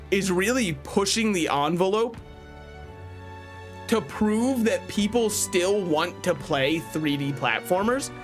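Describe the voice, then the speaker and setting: High-pitched man streaming casual game commentary. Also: a bit bright. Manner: joking, opinionated, conversational, swears.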